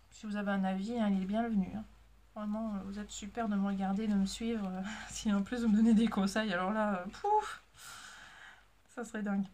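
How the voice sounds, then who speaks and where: Lady rambling away to the camera, lots of euhs, laughs at herself. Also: medium pitch. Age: adult with a child. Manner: chatty, rambling, self-mocking, many fillers. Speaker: sewing and knitting vlogger. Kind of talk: casual chat to camera.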